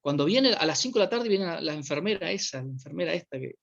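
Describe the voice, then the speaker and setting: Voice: mid-range voice, fast, gravelly. A preacher with an Argentine accent telling a church anecdote in a sermon, acting out the people in it. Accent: Argentine Spanish. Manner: anecdotal, animated retelling with voiced quotes. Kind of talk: storytelling sermon. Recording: dull lo-fi recording.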